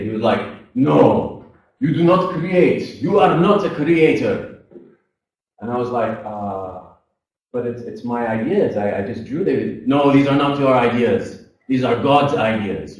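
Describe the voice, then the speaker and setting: This motivational seminar speaker, a man in his thirties, has a mid-range voice with a darkish tone. Recorded far away in an echoey hall, he narrates his life story and imitates the voices of the characters in it.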